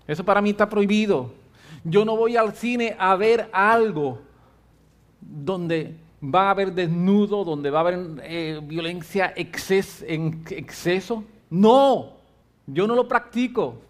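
A middle-aged man, preaching a sermon as pastor, fervent and emphatic, with slow stressed words and shifts from loud to soft. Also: sits high.

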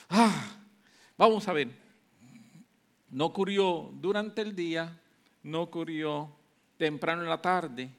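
A man's voice: extremely high pitch, fairly bright tone. A man preaching a sermon, emphatic and repeating hallelujah between points.

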